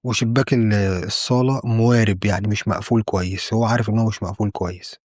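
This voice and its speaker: Egyptian male storyteller, conversational true crime, low voice, dry. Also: fairly even intonation, fast, a little mellow, no room sound. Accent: Egyptian Arabic. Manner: conversational, repeats and restarts phrases.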